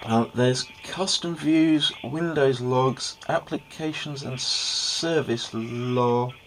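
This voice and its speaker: A man in his thirties with a mid-pitched voice talks casually. Clear background noise and clicks run through the recording. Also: takes it slowly. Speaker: video maker playing along as call recipient. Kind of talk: casual talk and phone conversation.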